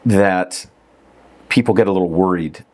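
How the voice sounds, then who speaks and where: Low-voiced man chatting as podcast guest. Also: unhurried, a little mellow. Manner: conversational, laughs often, many fillers. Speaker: real estate agent guest. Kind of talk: casual podcast conversation.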